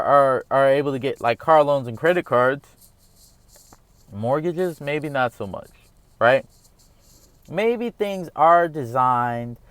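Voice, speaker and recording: A man's voice: medium pitch, no room sound. A man in his thirties from the United States, talking through his opinions in a casual, earnest monologue that rambles and keeps circling back with "all right?". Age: 30s. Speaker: vlogger.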